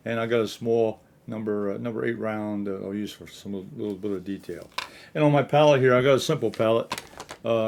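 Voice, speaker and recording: Male watercolor instructor, fairly low voice, casual studio tutorial, halting delivery with repeated phrases. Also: darkish tone, a little hiss or hum. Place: painting studio.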